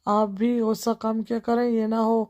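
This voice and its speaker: A woman's voice: on the high side, little pitch movement, a little mellow, lightly acted. A woman voicing a playful young wife who teases her stern husband in a cheeky, mocking way.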